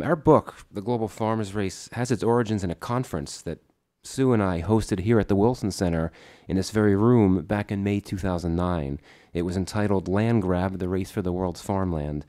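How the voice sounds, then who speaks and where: A man's voice: low voice, dark tone. A man with a congested, slightly distorted head-cold voice gives a formal prepared speech at a book launch. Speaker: book co-editor, speaker at launch. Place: conference room before an audience.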